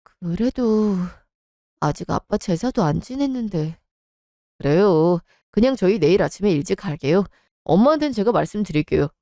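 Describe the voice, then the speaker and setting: A woman's voice: medium pitch, lively intonation, normal speed, warm tone, dry recording, clean studio sound, natural voice. A woman voicing a polite, patient young wife in a radio drama, placating and courteous.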